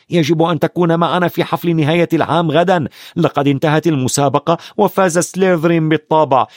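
A man's voice: fairly high pitch, no room sound, studio quality, pitched above the performer's own voice, close to an everyday voice. A man voicing a loyal, blunt schoolboy in an audiobook, with an eager, chatty delivery. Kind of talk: audiobook character voice.

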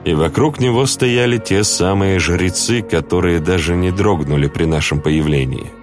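A man narrating a story in the first person, in a steady, wry reading voice. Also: low-pitched, moderate pace, music in the background. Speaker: audiobook narrator.

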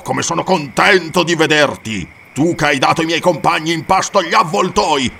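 A man's voice: medium pitch, gravelly, sharp tone, far from the mic, a little hiss or hum, exaggerated voice. A man voicing a furious, vengeful barbarian warrior who snarls and rages in an audiobook. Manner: snarling, raging, frenzied.

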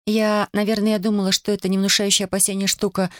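A woman's voice: mid-range voice, little pitch movement, fast talker, dry recording, studio quality, pitched above the performer's own voice, lightly acted. A reader doing a shy young woman in love, raised and earnest. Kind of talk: audiobook reading.

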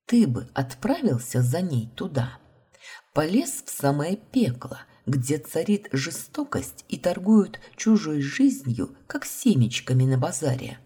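A woman's voice: sits low, big pitch swings, unhurried, warm tone, breathy edge, heavily acted. A woman reading the lines of a desperate, heartbroken young heroine, pleading and tearful. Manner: pleading, tearful, rising to outbursts.

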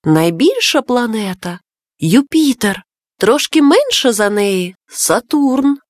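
A woman's voice: fairly high pitch, big pitch swings, takes it slowly, no room sound, studio quality. A woman voicing a clever, bossy little boy in a storybook reading, eagerly explaining things to his friend.

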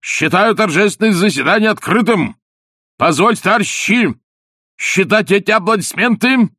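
A man doing a shouting village orator. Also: high-pitched, lively intonation, moderate pace, no echo, studio quality, voice pushed up, heavily acted. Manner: shouting slogans angrily and hastily. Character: loud beardless village man making a speech.

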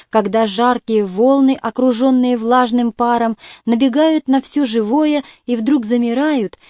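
Woman reading an audiobook, calm even pace, warm highish voice, dry close mic. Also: no echo. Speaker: audiobook narrator. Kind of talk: scripted literary narration.

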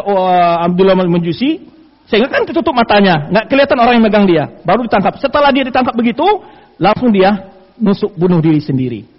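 High-voiced man preaching in a hall. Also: breathy edge. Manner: explains hadith, switching to recited Arabic quotes. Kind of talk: Islamic study sermon. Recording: dull lo-fi audio in a reverberant hall.

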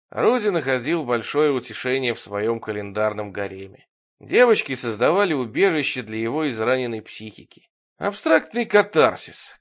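A man narrating an audiobook with ironic, expressive storytelling. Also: medium pitch. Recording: dull lo-fi audio.

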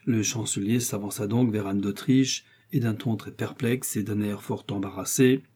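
Mellow, husky male storyteller. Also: on the low side, steady tone. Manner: measured, storytelling. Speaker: audiobook narrator. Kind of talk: scripted narration of a classic novel.

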